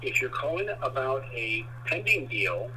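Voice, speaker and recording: A man's voice: medium pitch, big pitch swings, a little slow. A man's recorded voicemail greeting, played back as an answering machine message, in formal, read-out phrasing. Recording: loud hiss on a phone line.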